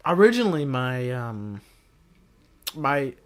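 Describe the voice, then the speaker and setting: A man's voice: mid-range voice, big pitch swings, slow. A man hosting a live stream, chatting casually and straight to his viewers, rambling and often correcting himself mid-sentence. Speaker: livestream host.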